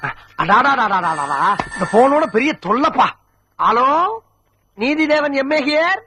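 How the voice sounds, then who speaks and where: A man's voice: extremely high pitch, expressive, a little slow, slight background noise, exaggerated voice. An actor playing a fussy middle-aged man in a film comedy, grumbling and exclaiming in exasperation. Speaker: comic film character. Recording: film soundtrack with loud music.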